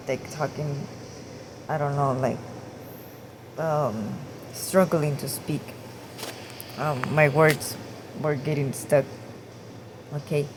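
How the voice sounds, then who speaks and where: A woman vlogger talking casually and hesitantly, with many pauses, fillers and restarts. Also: deep voice. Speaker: gaming vlogger. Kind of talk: casual talk to camera. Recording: noisy room with air conditioning hum.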